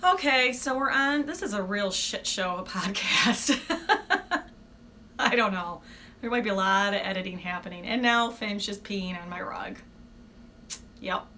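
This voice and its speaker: A woman with a bright, forward voice chats casually as a craft podcast host. Her delivery is unscripted and rambling, with an informal, self-deprecating manner. There is noticeable background noise in the recording. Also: medium pitch, moderate pace. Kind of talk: casual, unscripted video podcast chat about knitting.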